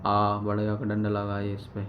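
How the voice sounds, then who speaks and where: This grammar lesson comes from a man speaking in a monotone at moderate speed, his voice on the low side. He breaks things down step by step, says key terms again, and supplies answers to his own questions. Background noise runs through the dull lo-fi audio.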